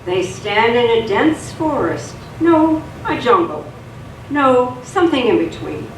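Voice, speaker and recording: Here a woman speaks in a slightly high voice with wide pitch swings, going slowly and fully in character. It's scripted narration for a live radio theatre drama staged in a roomy hall, recorded noisily with lots of echo and a far-off microphone.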